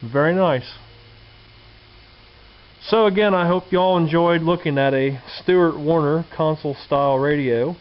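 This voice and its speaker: A man with a slightly high voice speaks in no hurry, musing aloud in a folksy way as a hobbyist doing a casual, hands-on show-and-tell. He's in an indoor home workshop or garage, picked up by a handheld camera mic. The camcorder audio is dull, lo-fi, and hissy.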